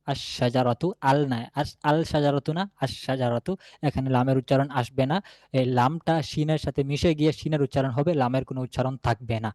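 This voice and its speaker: A man teaching a beginners' Arabic lesson, patiently repeating each example word slowly. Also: mid-range voice, darkish tone, no room sound. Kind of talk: classroom lesson.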